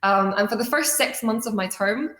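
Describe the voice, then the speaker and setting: A young adult Scottish woman, a student organization leader, gives a keynote built around her personal story, speaking earnestly and conversationally to motivate her audience. Her voice is medium-pitched and slightly bright at a normal pace, and the room sounds echoey.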